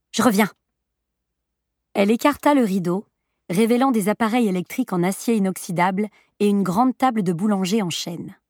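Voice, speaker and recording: Woman reading an audiobook, even measured pace, dry close mic. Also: medium pitch, no echo. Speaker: audiobook narrator. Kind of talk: scripted narration.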